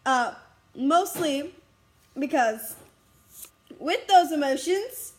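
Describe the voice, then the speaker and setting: High-voiced excitable young woman vlogging. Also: extremely slow. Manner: rambling, excitable, giggly and breathless. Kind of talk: casual vlog chat. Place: outdoors on a school campus.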